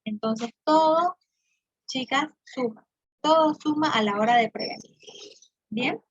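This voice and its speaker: A woman's voice: sits high, unhurried, breathy edge, no echo, muffled recording. A woman psychologist giving a prevention talk to women, explaining step by step with examples and checking in often with her listeners. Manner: checks in often with "¿no es cierto?" and "¿bien?".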